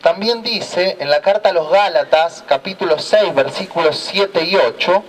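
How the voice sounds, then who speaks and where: Man, church speaker, high animated voice, unhurried preaching, miked from afar outdoors. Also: a little hiss or hum. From Argentina. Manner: slow, deliberate storytelling with repeated refrain. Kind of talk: preaching talk. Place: outdoor town square. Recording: voice heard from a distance.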